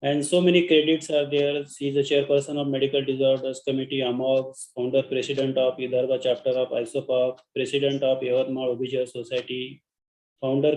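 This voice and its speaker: A man with an Indian accent giving a courteous, halting formal introduction of a speaker on a webinar. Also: mid-range voice, darkish tone. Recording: echoey online call audio.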